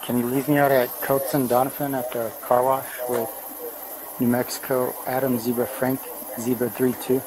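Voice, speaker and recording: A man's voice: mid-range voice, little pitch movement, moderate pace. A male police officer outdoors at a car wash, talking in short, clipped questions and commands, picked up on a body-worn camera. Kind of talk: bodycam police encounter. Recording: bodycam audio, loud background noise.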